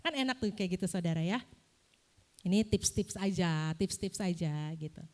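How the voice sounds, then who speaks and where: A young woman giving a casual, lively sermon in a church, often asking the congregation questions. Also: medium pitch, moderate pace. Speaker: preacher.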